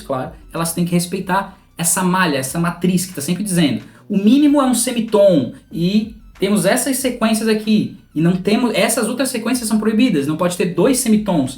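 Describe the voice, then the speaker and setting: With a mid-range, darkish voice, a music teacher speaking with a Brazilian Portuguese accent methodically lays out music theory and talks patiently right to the viewer. The sound is roomy, and there's a faint instrumental drone.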